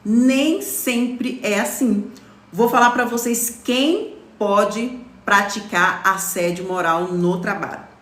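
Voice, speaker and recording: On a live stream, a Brazilian lawyer in her forties explains workplace rights to followers in a casual, explanatory way, regularly checking in, reading comments and saying "tá?". Her mid-pitched, slightly bright voice moves slowly and echoes noticeably in the room.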